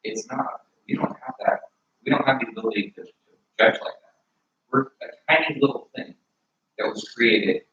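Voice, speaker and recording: A man's voice: mid-range voice, huge pitch swings, moderate pace, a bit bright. A man talking casually and earnestly, rambling with many restarts as he argues his point. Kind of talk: casual argument. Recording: echoey room, far from mic, dull.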